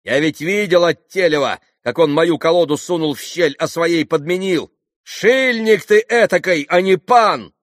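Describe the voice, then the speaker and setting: A man voicing a blustering middle-aged innkeeper who scolds loudly. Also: fairly high pitch, unhurried, no room sound, studio quality, voice pushed up, close to an everyday voice. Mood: indignant scolding. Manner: loud, scolding.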